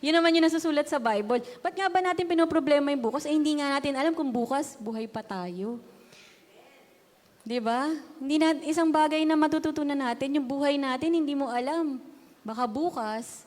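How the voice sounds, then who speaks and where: High-voiced woman preaching in a hall. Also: brisk, a little mellow. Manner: conversational, mixing Tagalog with English, frequent rhetorical questions. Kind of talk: sermon. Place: church hall. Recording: long reverb of a church hall.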